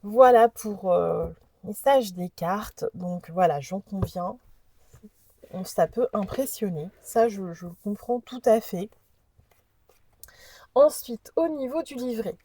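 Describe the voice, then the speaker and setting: Slow, mellow-voiced woman reading oracle cards. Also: medium pitch, expressive. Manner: hesitant, stumbling over unfamiliar names. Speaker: host presenting an oracle deck. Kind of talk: casual chat, reading card messages aloud.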